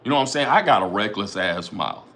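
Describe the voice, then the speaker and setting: Low-voiced and fast-talking, this middle-aged livestream host keeps things casual and animated, swearing freely and leaning on rhetorical flourishes. He reads the chat out loud, greets viewers by name, and keeps saying things like "you know what I'm saying."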